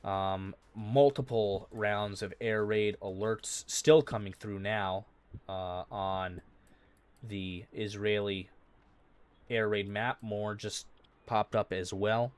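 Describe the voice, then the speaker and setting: A man's voice: fairly low pitch, fairly even intonation, takes it slowly, smooth. Man hosting a live news stream. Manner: unscripted, many fillers, reads viewer comments aloud. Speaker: livestream news host. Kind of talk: live breaking-news commentary reading chat.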